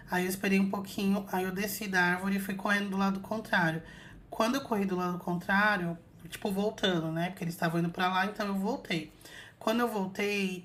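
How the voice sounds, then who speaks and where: A woman hosting her own channel, chatting casually to viewers as she retells an experience with lots of fillers. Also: on the low side. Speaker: channel host telling an astral projection story.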